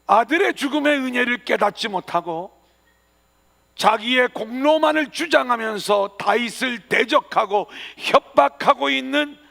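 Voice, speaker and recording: A man's voice: very high-pitched, lively intonation, a little slow, vocal fry, bright, forceful tone. A male pastor preaching a sermon in a church, earnestly, with emphatic rising phrases. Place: church sanctuary. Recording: long reverb of a church hall.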